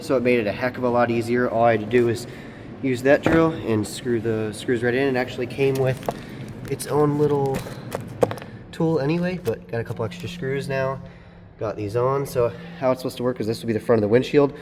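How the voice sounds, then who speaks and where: Upbeat male vlogger, casual slangy delivery, garage recording with clear background noise and shifting mic distance. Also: mid-range voice, a little fast. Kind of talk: casual product review and install walkthrough.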